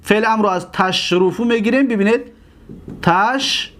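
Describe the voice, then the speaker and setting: High-voiced guy teaching grammar, repeats each word slowly, quizzes himself. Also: animated. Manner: repeats forms slowly, asks and answers his own questions. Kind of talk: grammar lesson.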